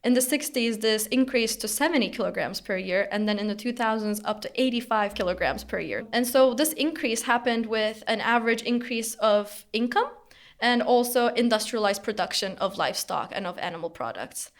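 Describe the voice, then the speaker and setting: A young woman answers interview questions as a researcher, in a measured, explanatory way. Her voice sits a little high and carries a marked gravelly fry. She pauses now and then on small fillers. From Turkey. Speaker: researcher guest.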